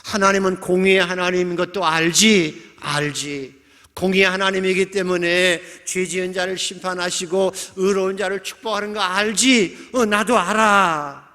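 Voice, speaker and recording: A man's voice: fairly high pitch, a little slow, creaky, a bit bright. A male pastor voicing friends who lecture and accuse a suffering man. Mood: lecturing. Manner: scolding, insistent, lecturing. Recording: reverberant church hall.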